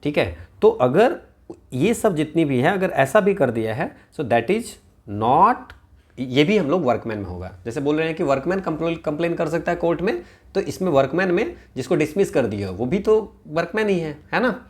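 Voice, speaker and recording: A man's voice: on the high side, very animated, moderate pace. A man giving an exam-prep lecture in a mix of Hindi and English, often asking "है ना?" and "ठीक है" to check on his students. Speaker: teacher.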